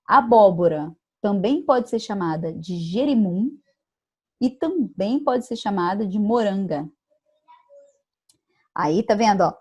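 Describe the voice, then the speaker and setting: A woman's voice: mid-range voice, expressive, takes it slowly, pauses often, a little mellow, husky. A woman from Brazil teaching an online class, explaining patiently and checking in with her students, sometimes acting out sample phrases. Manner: explanatory, checks understanding with "tá bom?" and "né?"; acts out regional phrases in quoted voices.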